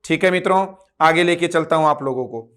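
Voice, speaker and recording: This online English lesson is led by a man whose voice is fairly high, a bit bright, and fairly quick. He repeats words, spells them out letter by letter, asks students to say them back, and tests listeners with rhetorical questions.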